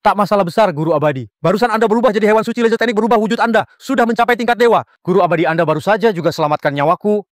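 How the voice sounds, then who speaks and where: A man's voice: high-pitched, racing, no room sound, studio quality, natural voice. A man playing an earnest, deferential sect cultivator in a dubbed fantasy drama, an anxious ally of immortals. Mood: grateful.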